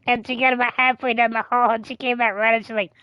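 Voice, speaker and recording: A woman chats on a live stream, telling a personal story in a candid way and swearing freely. Her voice is smooth and resonant. The sound is dry and a little dull. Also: on the high side, no echo. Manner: chatty and candid, swears freely, laughs often.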